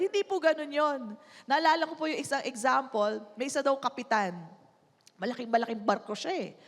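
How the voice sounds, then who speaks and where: Filipino woman pastor preaching. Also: on the high side. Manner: mixes English and Tagalog, asks the church to repeat lines. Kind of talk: sermon. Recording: long hall reverb.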